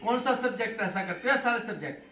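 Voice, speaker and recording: A middle-aged man speaking as a motivational speaker to schoolchildren, animated and asking the class questions. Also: high voice, fast, slight background noise. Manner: animated, asks the class questions, mixes in English phrases. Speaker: motivational speaker addressing students. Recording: echoey hall, voice from a distance.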